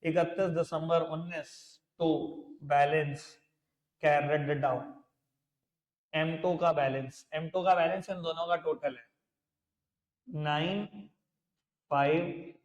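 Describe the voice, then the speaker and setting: A man's voice: on the high side, fairly even intonation, slow pace, long pauses. A man teaching accounts in a live classroom lecture, chatty and familiar with his students, mixing in English terms. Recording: echoey classroom.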